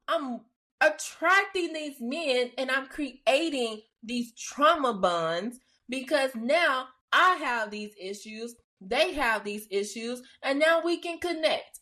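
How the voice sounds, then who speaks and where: A woman hosts a faith-based podcast in a high, bright, forceful voice. She talks casually and expressively, laughing often and dropping slangy asides.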